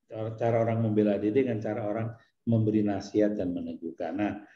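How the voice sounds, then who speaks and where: A man, a priest, explaining things in an easygoing, teacherly way during a relaxed talk. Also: on the low side, quick pace, reverberant, muffled recording.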